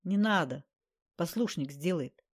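A man's voice: on the high side, expressive, a little slow. A woman reading aloud and voicing a sulky, offended male occultist who grumbles and snaps. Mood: irritated. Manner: gloomy, grumbling, snapping.

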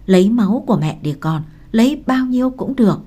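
A woman reading the lines of an exhausted young mother who speaks gently to her family, in an audiobook. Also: fairly high pitch, lively intonation, a little fast, breathy edge, pitched above the performer's own voice. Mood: gentle. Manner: gentle, tired.

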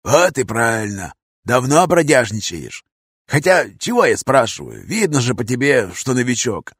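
A man voicing a hoarse, gruff male vagrant who talks in coarse street slang. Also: mid-range voice, very animated, fairly bright tone, no room sound, studio quality, exaggerated voice. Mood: chatty. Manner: slangy, coarse, drawn-out talk.

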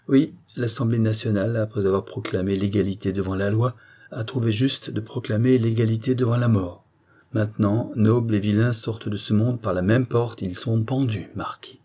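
A man voicing a persuasive aristocratic baron who talks in a smooth, insistent, coaxing way in an audiobook reading. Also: lowish voice, mellow, lightly acted.

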